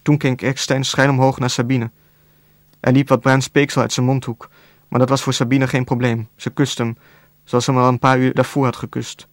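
Male audiobook narrator, steady flat read, dry close mic. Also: medium pitch, normal speed, no echo. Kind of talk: scripted narration.

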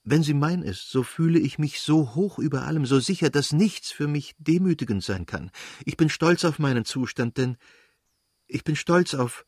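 A man's voice: a little high, expressive, normal speed, darkish tone, breathy edge, no echo, studio quality, voice pushed up. A man voicing an anguished noblewoman torn between her lover and her son, speaking in a trembling, pleading way as he reads the story aloud. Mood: passionate.

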